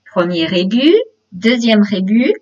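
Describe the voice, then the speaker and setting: Slow-speaking woman leading a teaching webinar. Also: medium pitch, lively intonation, a little mellow. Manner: explains step by step, addresses participants directly. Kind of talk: online teaching presentation. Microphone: computer mic on a video call. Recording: dull lo-fi webinar audio.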